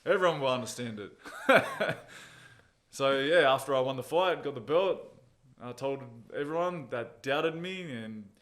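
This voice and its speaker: An MMA fighter, appearing as an interview guest, chats casually and easily about his fights and childhood, occasionally chuckling at his own jokes. His pitch is ordinary middle range and his pace measured.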